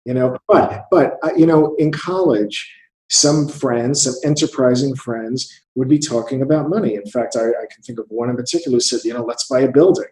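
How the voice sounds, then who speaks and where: A man's voice: medium pitch, moderate pace, a little mellow, echoey room, poor audio. A man in his fifties from the United States, a theatre investor speaking as an interview guest, thinking aloud and often repeating words. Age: 50s. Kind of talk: conversational interview.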